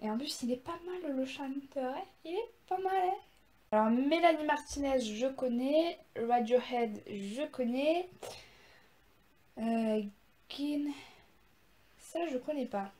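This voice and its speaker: A woman's voice: high-pitched, animated, slow, pauses often, dark tone. A young woman chatting casually as she reacts to music in her vlog, rambling and poking fun at herself. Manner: chatty, rambling, self-mocking. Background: music playing.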